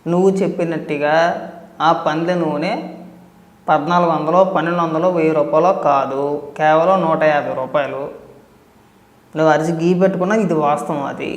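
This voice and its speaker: High-voiced man scolding in an echoey room. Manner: scolding, sarcastic, addresses the man in the clip directly. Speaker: political commentator. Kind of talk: reaction commentary on a clip. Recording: echoey room with long reverb.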